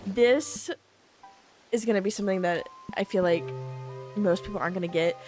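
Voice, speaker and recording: A woman's voice: mid-range voice, moderate pace, a little mellow, faint music behind. A young adult woman streaming a game, chatting casually and rambling with many fillers. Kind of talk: casual gaming stream chat.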